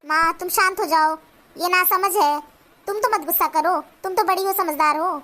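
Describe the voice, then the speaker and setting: A woman's voice: very high voice, normal speed, pushed and bright. A woman voicing a young husband stuck between his mother and his wife in a cartoon. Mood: placating. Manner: pleading, placating.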